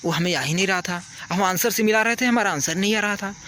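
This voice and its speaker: A man's voice: sits high, fast, sharp tone, a little hiss or hum. A man, a teacher giving children earnest, repetitive advice outdoors at night. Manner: earnest, repeats "ठीक है" to check understanding. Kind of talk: casual advice talk to children.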